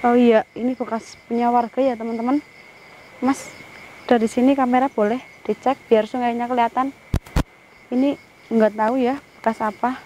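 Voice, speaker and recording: Higher-pitched woman leading a ghost summoning. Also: steady tone, normal speed, long pauses, noisy background. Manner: commands a spirit sternly between Islamic prayers; directs the cameraman as she talks. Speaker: ghost-hunting vlogger. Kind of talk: paranormal summoning vlog. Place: outdoors by a river.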